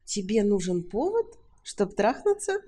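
A woman voicing a brazen, seductive woman who teases and coaxes in a breathy, mocking way, in an audiobook reading. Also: mid-range voice, very animated, unhurried, warm tone.

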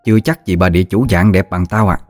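Man doing a blunt old countrywoman, low voice, faint music. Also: steady tone, fast talker, a little mellow, lightly acted. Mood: blunt, marveling. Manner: blunt, exclaiming, rustic speech. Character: fiery old great-aunt, blunt and outspoken.

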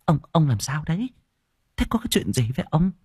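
A man voicing an elderly country wife who is loving and fretful, shrill and quick to wail. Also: big pitch swings, darkish tone, breathy edge, dry recording, clean studio sound. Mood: anxious. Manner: shrill, rising to wailing cries.

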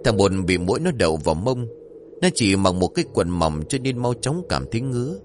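A man narrating a story in an expressive, dramatic way, with faint music behind. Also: lowish voice, brisk, background noise.

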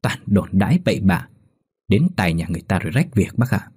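A man doing a booming, blunt farmer. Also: expressive, a little fast, a little mellow, slightly rough, no room sound, exaggerated voice. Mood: angry. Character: brash loud farmer in his fifties, scoffing skeptic.

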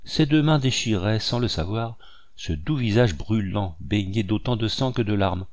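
Audiobook reader: man, low voice, measured and expressive, dry close recording. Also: no room sound. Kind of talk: reading a classic novel aloud.

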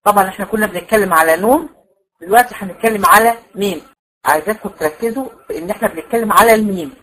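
In a rough recording of a classroom lecture, a woman with an Egyptian Arabic accent teaches a Quran recitation class in a mid-range, slightly bright voice, talking very fast. She explains each point step by step and repeats it to check that it's understood.

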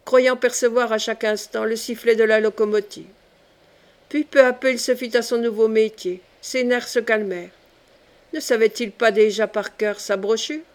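Woman, audiobook narrator, measured, steady, somewhat high-pitched. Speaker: audiobook reader. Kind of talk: scripted narration.

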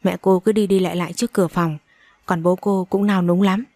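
A dark-toned woman's voice, lowish and a little fast with fairly even intonation, carries this storybook narration. As an audiobook reader she acts out every character's dialogue with strong emotion, and no room sound is audible.

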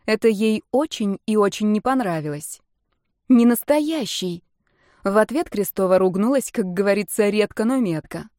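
A woman reading a novel aloud in measured, even scripted narration. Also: mid-range voice, dry recording, studio quality. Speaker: audiobook narrator.

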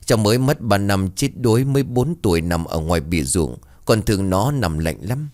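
Guy reading as a crying young mom begging, lively up-and-down voice. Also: fairly low pitch, a little fast. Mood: pleading. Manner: pleading. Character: grieving young mother, pleading and tearful.

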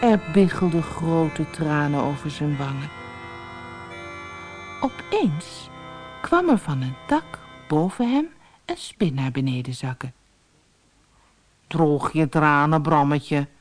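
A woman reading a children's fairy tale aloud as a narrator, in a slow, lively storytelling manner. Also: deep voice, soft background music.

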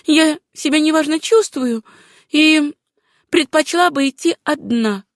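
A numb young widow speaks in a soft, lifted voice, gentle yet insistent as she turns away kindness, as a female storyteller puts her on. The sound is dry and close, with no room around it, in the manner of a read-aloud novel. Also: high-pitched, unhurried, dry recording, pitched above the performer's own voice. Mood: numb insistence.

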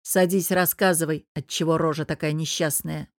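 A stern, blunt businessman friend who gives curt orders, read by a woman narrating an audiobook. The voice sits low, and the delivery is short and commanding. The recording is dry, with no room echo. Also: fairly even intonation, moderate pace.

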